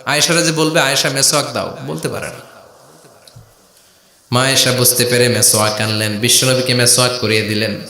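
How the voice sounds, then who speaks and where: A man preaching a sermon, telling stories dramatically, swinging from loud wailing to low murmurs and calling on the crowd to answer. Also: steady tone, a little fast, long pauses, roomy sound. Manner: dramatic storytelling, rising to loud wails and dropping low; calls on the crowd to respond. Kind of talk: Bengali waz sermon.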